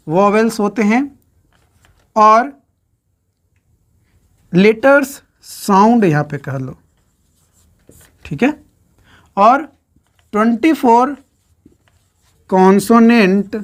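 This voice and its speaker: A woman gives a recorded exam-prep lecture at an unhurried pace. She counts out syllables one by one and echoes her own questions back as answers. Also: medium pitch. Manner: slow, repeats questions and answers to students; counts syllables aloud while writing. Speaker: teacher.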